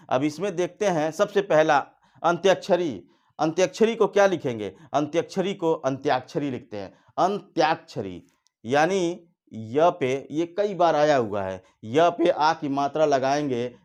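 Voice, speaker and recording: A male teacher giving an exam-prep grammar lesson at a board, repeating key definitions slowly and telling students directly what to remember. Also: on the high side. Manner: addresses students directly with instructions.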